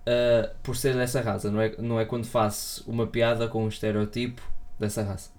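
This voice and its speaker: A man's voice: medium pitch, flat delivery, a little fast, a little mellow. A young Portuguese man chats casually on a podcast, his European accent strong and his speech full of slang. He tells his stories with energy and slips into the voices of the people he describes. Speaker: podcast co-host. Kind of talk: casual storytelling chat.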